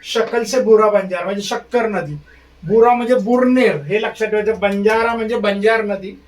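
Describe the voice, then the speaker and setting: High-voiced man teaching a lecture. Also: steady tone, moderate pace, distant mic. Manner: repeats key points, drills mnemonics. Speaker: exam-prep teacher. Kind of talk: exam-prep lecture.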